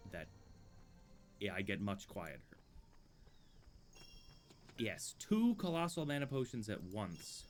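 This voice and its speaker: A man casually commenting on his gameplay, musing and dryly amused, talking to himself at a desk microphone he sometimes leans away from. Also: on the low side. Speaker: streamer playing a game. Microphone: desk microphone, leans away at times.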